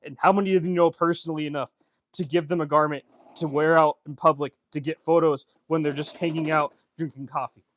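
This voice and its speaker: A man's voice: a little high, fairly even intonation, brisk. A man chatting casually on a livestream, rambling with many fillers and answering viewer comments. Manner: rambling, lots of fillers and restarts. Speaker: fashion designer streamer.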